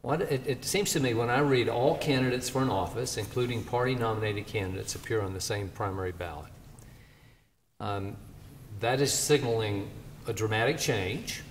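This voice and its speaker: A man with a mid-pitched voice speaks formally as a presiding judge. The sound is echoey and reverberant, with faint room noise behind him. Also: moderate pace. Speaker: presiding chief justice. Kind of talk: formal remarks and questions from the bench.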